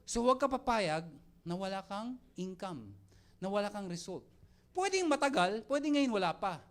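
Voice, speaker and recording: A young man giving a lively motivational talk to a live audience, joking and quizzing the crowd as he mixes Tagalog and English. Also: high-pitched, moderate pace. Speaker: mentor speaking to network marketing team.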